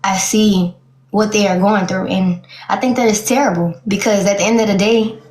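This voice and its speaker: A woman's voice: medium pitch, fairly even intonation, normal speed, a little mellow. A woman in her late twenties speaking bluntly and candidly in a casual interview, laughing often. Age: 20s. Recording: roomy echo.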